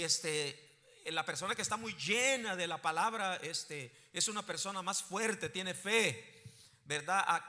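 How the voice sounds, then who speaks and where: Man preaching with bright, echoing voice. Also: high-pitched. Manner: rising to emphatic preaching bursts, asks the congregation questions. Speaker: pastor. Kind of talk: sermon.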